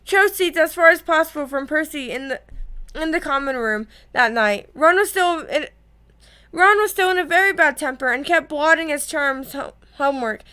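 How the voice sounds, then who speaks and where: A woman with a high, bright voice reads a novel aloud for her channel. She keeps it casual, tripping over words and fixing them as she goes. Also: normal speed. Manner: casual, frequent slips and self-corrections. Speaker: reader.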